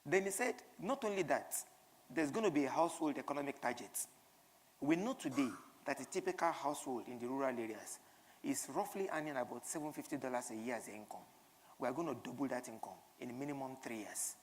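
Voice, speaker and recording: Low-voiced Nigerian woman addressing an audience. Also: expressive, fast, darkish tone, big-room sound. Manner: speaking in front of an audience; emphatic, rhetorical questions and repetition. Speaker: keynote speaker. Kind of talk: conference keynote speech.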